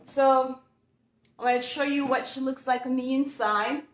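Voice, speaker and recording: A woman's voice: sits high, steady tone, moderate pace, roomy sound. A young woman from Uganda, talking casually and upbeat to viewers while she works on a furniture project at home. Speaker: furniture painting vlogger. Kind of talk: casual chat while working. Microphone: camera mic.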